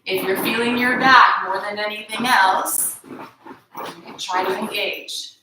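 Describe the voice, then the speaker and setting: A woman yoga instructor guiding a class through poses, giving calm, encouraging cues and often checking in with "right?". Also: mid-range voice, slow, noisy background. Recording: very echoey room.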